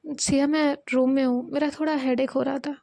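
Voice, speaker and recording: A high-voiced young woman caught up in feelings she keeps hidden, read by a woman narrator. She muses softly and uneasily, and her tone is mellow and warm. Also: flat delivery, normal speed, creaky, no echo. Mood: uneasy.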